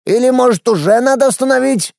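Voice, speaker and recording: A man putting on a gravelly grumpy old grandfather. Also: very high voice, fast, a little mellow, dry recording, clean studio sound, voice pushed up. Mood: scolding. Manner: mocking, scolding, drawling folksy speech. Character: grumpy sharp-tongued old grandfather mage.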